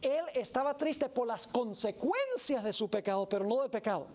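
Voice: mid-range voice, expressive, moderate pace. A preacher giving an emphatic sermon who acts out the voices of the story.

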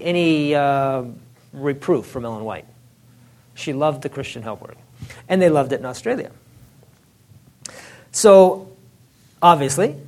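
This religious history lecture comes from a man with a high-sitting voice who keeps things loose and lively. He chats away, laughs frequently, and leans on phrases like "it's like" and "you know."

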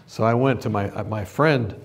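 A man's voice: on the low side, moderate pace, vocal fry. Playful middle-aged man preaching with humor. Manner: playful, teasing, laughs through his own stories; asks the crowd questions and gets them to answer back. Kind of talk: humorous sermon to students. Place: university gathering.

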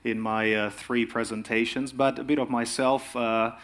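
A man's voice: mid-range voice, little pitch movement, a bit bright. Earnest Indonesian-born man giving a sermon. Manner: earnest, frequent filler pauses. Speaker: guest speaker. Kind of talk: sermon presentation.

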